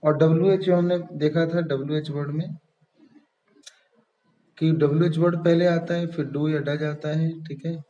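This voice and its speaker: A man's voice: on the high side, mellow, roomy sound, highs cut off. A man teaching English grammar step by step, patiently repeating key terms and checking in often. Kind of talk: step-by-step classroom explanation.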